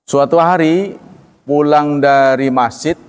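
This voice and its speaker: A man's voice: fairly high pitch, slow. Man teaching hadith in reverberant hall. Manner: folksy, storytelling with acted quotes. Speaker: Islamic teacher. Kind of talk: hadith study lecture.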